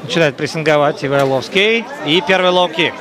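A man's voice: on the high side, fairly quick. A man calling a fight as a commentator, live and play by play. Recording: very loud arena crowd behind. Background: roaring crowd.

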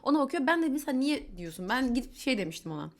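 Fast-talking chatty young woman. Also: sits high, very animated. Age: young adult. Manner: chatty, candid, exasperated asides; quotes others in mimicking voices. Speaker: vlogger. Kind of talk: casual storytelling vlog.

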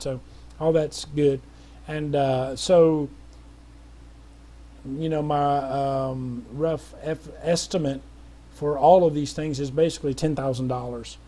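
In a casual appeal video, a middle-aged missionary rambles earnestly to viewers with frequent fillers and restarts. His voice is on the high side but dark in tone.

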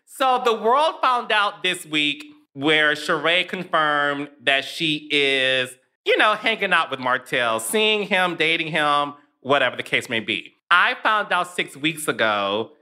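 A man's voice: on the high side, expressive, a little slow, few pauses, sharp tone. A man hosting a casual gossip podcast, telling stories animatedly and laughing often. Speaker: podcast host.

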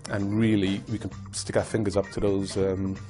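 An older man, a former footballer, telling his story in a measured, reflective way in a documentary interview. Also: lowish voice, flat delivery, music in the background.

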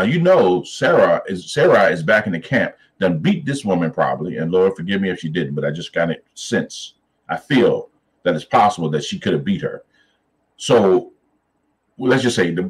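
Emphatic lower-voiced male Bible teacher. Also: rough recording. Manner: emphatic, preacherly, folksy asides to viewers.

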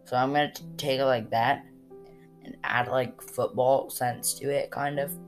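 A woman's voice: extremely low pitch, fairly even intonation, a little slow. A woman chatting casually through a Lego build vlog, rambling and hesitant with lots of fillers. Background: guitar music.

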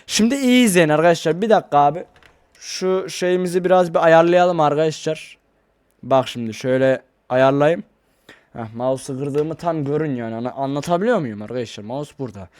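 High-voiced excitable man vlogging. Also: a little fast. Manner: rambling and excitable, keeps calling out to his viewers. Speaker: YouTuber. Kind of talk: casual vlog talk to camera. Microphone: desk microphone.

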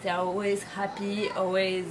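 A woman in her late twenties, born in France to Brazilian and Belgian parents, answers interview questions thoughtfully, using lots of fillers. Her medium-pitched voice is monotone and moves at a normal speed. She records indoors in a bedroom lined with bookshelves, with clear background noise.

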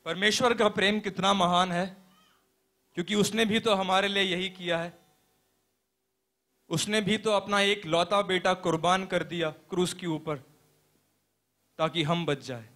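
A young man playing a high-voiced earnest pastor. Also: fairly even intonation, a bit bright. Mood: exhorting. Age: young adult. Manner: slow, earnest preaching with deliberate pauses. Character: earnest male pastor preaching a parable. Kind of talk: sermon storytelling in a stage play.

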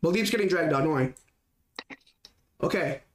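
A man hosting a live-streamed dating show over video call, bantering loudly with his chat in slang. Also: on the high side, lively intonation, moderate pace, noisy background. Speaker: stream host.

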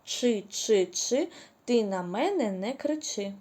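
A woman teaching a preschool reading lesson, drawing out syllables slowly and praising the children cheerfully. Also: medium pitch, animated, mellow. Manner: slow, drawn-out syllables when modeling words. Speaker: kindergarten teacher.

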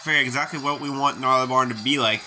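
A man's voice: medium pitch, steady tone, quick pace, crowd noise, rough recording. A man playfully reading video game dialogue aloud in character and joking about it as he plays. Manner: playful, reads lines in character and jokes about them. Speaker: gaming YouTuber. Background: game music.

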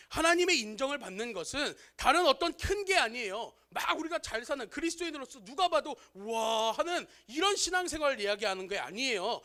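A man's voice: very high-pitched, bright, forceful tone. A man preaching a sermon to teenagers as their youth pastor, often asking his listeners questions and telling an everyday story to make his point.

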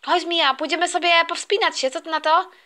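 A woman's voice: extremely high pitch, fairly quick, bright, forceful tone. A woman voicing a whiny, scheming young boy who doesn't want to go to kindergarten, in a toy play story. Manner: whining, complaining, stammering.

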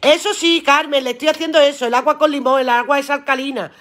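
A woman's voice: high voice, steady tone, quick pace, a bit bright. Brief: woman, live-stream seller, chatty and earthy, swears casually, laughs a lot. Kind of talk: casual live-stream chat reading viewer comments aloud.

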